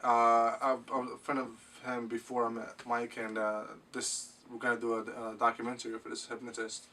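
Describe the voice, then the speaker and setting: A man from Morocco, a guest on a casual podcast, talking haltingly with many pauses and restarts. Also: mid-range voice, completely flat delivery, bright, forceful tone. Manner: hesitant, many ums and restarts. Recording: distant mic with faint noise.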